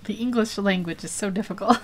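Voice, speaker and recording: A woman's voice: mid-range voice, a little fast, faint music behind. A woman chatting casually while she paints live on a tablet, laughing often and rambling with lots of fillers. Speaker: digital painting livestreamer.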